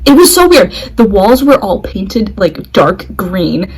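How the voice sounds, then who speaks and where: A woman's voice: medium pitch, big pitch swings, takes it slowly, darkish tone, slightly rough, rough recording. Giggly, dramatic young woman. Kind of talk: casual chat.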